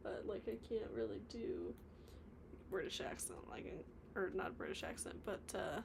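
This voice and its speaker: Gravelly and lowish, her voice moves at a moderate pace with huge pitch swings. She's animating stop-motion on her home workspace floor during a livestream, casually reading viewer comments and rambling with mumbled asides while background noise carries on.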